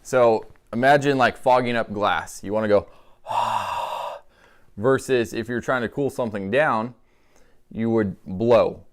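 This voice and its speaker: A man giving a casual, folksy instructional demonstration in a clear voice, as a calling instructor. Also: mid-range voice, normal speed.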